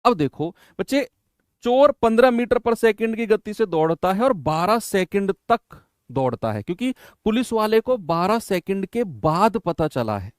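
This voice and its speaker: A man's voice: high-pitched, very animated, unhurried, clear, resonant tone, no room sound, clean studio sound. A man teaching an exam-prep math lesson in Hindi, coaching students in a chatty way and often checking with "है ना?".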